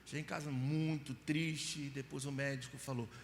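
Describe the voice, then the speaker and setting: A man's voice: medium pitch, flat delivery, moderate pace, a little hiss or hum. A middle-aged Brazilian man preaching a sermon, telling personal stories and acting out scenes with voices and mock crying. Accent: Brazilian Portuguese. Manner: storytelling, acts out scenes with mock crying and voices, rising to shouts. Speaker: pastor. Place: church hall. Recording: live church hall with reverb.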